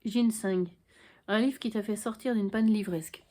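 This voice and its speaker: A woman's voice: medium pitch, steady tone, normal speed, dark tone. A woman book vlogger chatting frankly to the camera at home, with dry little asides. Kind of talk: casual chat to camera.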